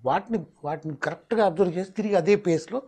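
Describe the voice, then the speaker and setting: A man's voice: high voice, fast, darkish tone, slightly rough. A mimicry artist, explaining his craft in an interview and slipping into demonstration voices. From Telangana, India.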